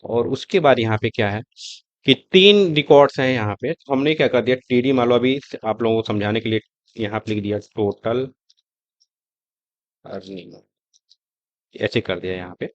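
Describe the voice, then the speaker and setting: Man, coding tutor, conversational step-by-step explaining, middle pitch, dry close sound, slightly dull mic. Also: moderate pace, pauses often, no room sound. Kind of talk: screen-recorded coding tutorial.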